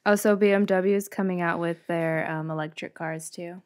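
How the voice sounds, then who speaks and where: A woman's voice: on the low side, fairly even intonation, moderate pace. A woman co-hosting a podcast, chatty and eager, bringing up news in casual conversation. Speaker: podcast co-host. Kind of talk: casual chat.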